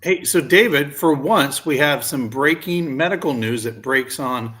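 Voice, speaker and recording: A man's voice: mid-range voice, unhurried, bright, forceful tone. A man co-hosting a sports podcast, loose and chatty with the guest. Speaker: podcast co-host. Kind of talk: casual podcast sports chat.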